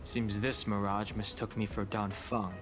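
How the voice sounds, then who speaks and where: A man playing a calm, reserved young dragon-folk hero in a video game, speaking in a measured, serious way. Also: lowish voice, over music, close to an everyday voice. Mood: calm, explaining.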